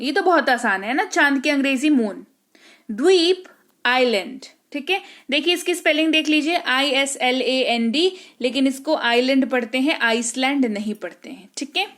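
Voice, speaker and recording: Slowly and deliberately, a woman reads each Hindi word followed by its English meaning in a vocabulary lesson, now and then checking in with learners using rising questions. Her voice is high and a bit bright.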